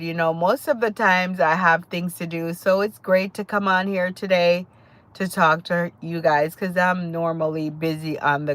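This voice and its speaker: With a fairly low voice and no echo, an adult woman from Jamaica hosts a live stream in her Jamaican accent. She chats casually, greets viewers by name, and laughs a lot.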